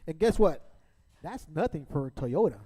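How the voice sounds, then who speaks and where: Male auction announcer, soft mellow tone on a high pitch, clipped listings, reverberant hall. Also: sing-song, moderate pace, husky. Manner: short, clipped item-by-item statements. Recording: echoey hall with long reverb.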